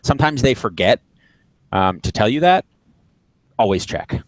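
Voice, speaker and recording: With a mid-range voice, lively intonation and normal speed, a flight instructor runs an informal live lesson about radio procedures. He explains each step and drives points home by repeating them; the recording lacks echo but is low in quality.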